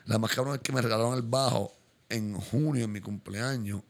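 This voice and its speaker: Gravelly Puerto Rican man, joking. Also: mid-range voice, fairly quick. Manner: boisterous, swears freely, laughs often. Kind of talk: casual joking chat.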